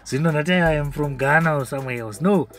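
A man's voice: on the high side, quick pace, soft background music. A young Zimbabwean man hosting a podcast, chatting casually with frequent laughs as he reads out comments. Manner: chatty, laughs often, mixes in Shona phrases. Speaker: podcast host. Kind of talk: casual commentary reading social media comments.

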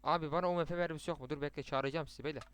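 A young man commentating his mobile shooter match with teammates, chatty, muttering to himself and then bursting out excitedly. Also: a little high, racing, clear, resonant tone, dry recording. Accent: Turkish. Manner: chatty, swings between muttering and excited outbursts. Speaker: gaming streamer. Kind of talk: live gameplay commentary with teammates.

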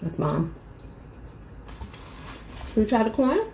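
A woman's voice: fairly high pitch, lively intonation, takes it slowly, creaky, mellow, roomy sound, slight background noise. A young woman chatting to viewers between bites in a casual eating vlog. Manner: chatty, addresses viewers as y'all, eats between sentences. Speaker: mukbang vlogger. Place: small room at home, indoors.

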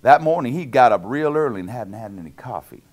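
A middle-aged man with a mid-range, darkish voice plays a jolly Canadian lumberjack, reading a picture book to children in a brisk, expressive, lightly acted way. He uses playful, exaggerated sing-song rhythms and chuckly asides on a small indoor cabin-style set.

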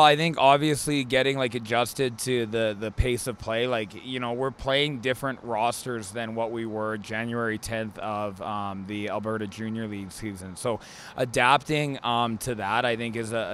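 Earnest coach in an arena. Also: male voice, mid-range voice, fairly bright tone, a little hiss or hum. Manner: earnest, with many fillers. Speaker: assistant hockey coach. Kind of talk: postgame interview. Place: indoor ice arena. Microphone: handheld interviewer's mic.

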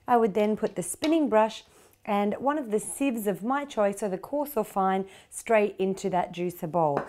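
A woman's voice: fairly high pitch, dark tone, a little hiss or hum. Upbeat Australian woman hosting a cooking show. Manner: chatty and upbeat, explains each step. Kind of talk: cooking demonstration to camera. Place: home kitchen studio.

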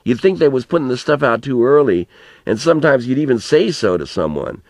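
A man with a mid-range, darkish, animated voice reads a storybook a little fast, voicing an elderly farmer grandfather. With no room sound, he delivers plain-spoken, folksy, earnest reminiscences that ramble, colloquial and rural, with some mild swearing and a reflective mood.

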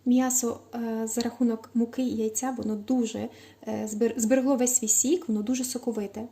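A woman from Ukraine chatting casually in a home cooking vlog, stretching out the ends of words and pausing on filler sounds. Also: fairly high pitch, little pitch movement, mellow. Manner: stretches out word endings; frequent hesitant fillers. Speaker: cooking vlogger. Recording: echoey room.

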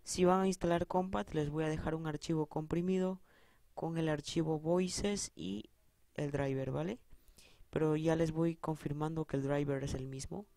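A man hosting a relaxed tech tutorial, with a mellow and slightly high voice. He calmly walks viewers through each step. The recording is dry and close. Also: moderate pace, dry recording. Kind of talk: casual screen-reader tutorial.

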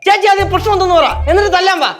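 An actress playing a defiant family member in a domestic sitcom. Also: female voice, extremely high pitch, racing, soft background music. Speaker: sitcom character. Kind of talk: TV sitcom acting.

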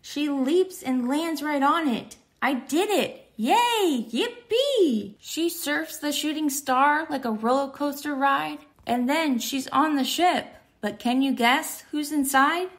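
A high-voiced woman reads aloud from a children's book, telling the story expressively and deliberately.

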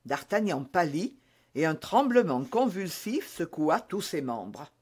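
A man reading a classic novel aloud as an easy-reading audiobook, clear and deliberate. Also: a little high, very animated. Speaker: narrator.

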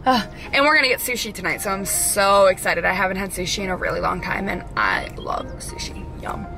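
A young woman vlogging casually from her car, chatty and gushing with excitement. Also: medium pitch, fairly quick, creaky, music in the background. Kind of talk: casual vlog talk to camera. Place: inside a car.

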